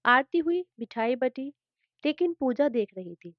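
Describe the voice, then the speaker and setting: A woman's voice: sits high, lively intonation, a little slow, no room sound, muffled recording. A woman telling a family drama story as a narrator, reading all the characters' lines in her own voice.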